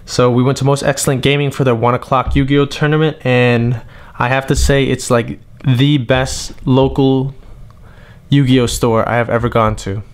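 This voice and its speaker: A young man from New England gives a frustrated monologue, complaining at length and then reading out a list of cards in a flat voice. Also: medium pitch, normal speed, clean tone. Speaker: card game vlogger. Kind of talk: monologue rant and tournament report.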